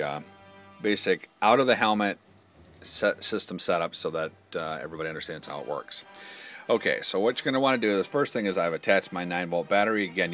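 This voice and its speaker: Over music, a man demonstrates a product in a relaxed, practical manner, going through each component one step at a time. His voice is low and forceful, his style informal and hands-on.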